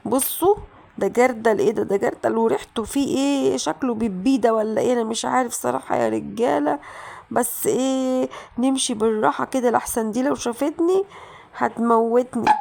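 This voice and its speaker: A woman with an Egyptian Arabic accent narrating a mobile game playthrough, chatting straight to viewers and breaking into shouted reactions. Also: a little high, a little fast, creaky. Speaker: gaming channel host.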